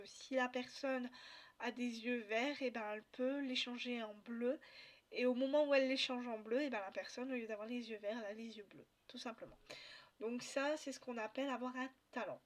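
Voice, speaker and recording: A woman chatting casually about books she bought, hesitant with many fillers and restarts. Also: a little high. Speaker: book vlogger. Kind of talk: casual book haul chat.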